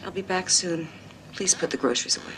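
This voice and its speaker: A woman's voice: lowish voice, fairly bright tone, a little hiss or hum, lightly acted. An actress playing a harried, dutiful mother. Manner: hurried, defensive. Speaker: mother, homemaker.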